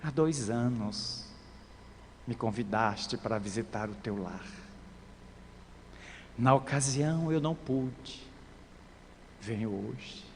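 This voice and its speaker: A man voicing a gentle, loving savior, speaking hushed, low and slow in a long-reverb hall. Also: slight background noise. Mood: tender. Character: gentle, loving male savior, tender and calm.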